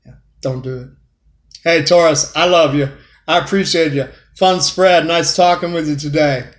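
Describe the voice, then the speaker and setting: A man's voice: fairly high pitch, moderate pace. A man giving a casual tarot reading, talking straight to the viewer in a folksy way and repeating his phrases. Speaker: tarot reader. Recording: echoey room.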